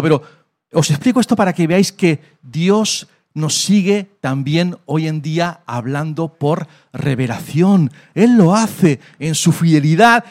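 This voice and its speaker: Man, Spain Spanish accent, church preacher, high voice, emphatic, answers his own questions. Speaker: lay preacher giving testimony. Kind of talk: sermon testimony. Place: church hall.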